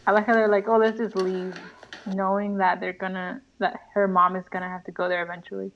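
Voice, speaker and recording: A woman's voice: mid-range voice, little pitch movement, quick pace, creaky, lo-fi sound, a little hiss or hum. A young woman co-hosting a podcast, chatting about a movie in an easygoing, rambling way. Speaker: podcast co-host. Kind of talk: casual movie review chat.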